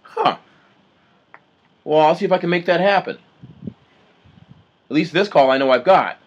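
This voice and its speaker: On a phone call, an indignant man argues his complaint assertively and informally as an authorized third-party contact. His voice is animated, on the high side, with a breathy edge, and he speaks at normal speed.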